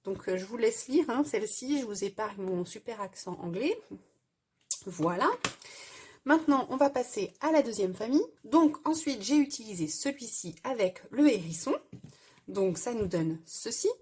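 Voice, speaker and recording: Husky-voiced woman explaining a craft project. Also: a little high, expressive, moderate pace, a little mellow. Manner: hesitant, explanatory, frequent "euh" fillers. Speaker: craft tutorial host. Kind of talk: casual crafting tutorial voice-over.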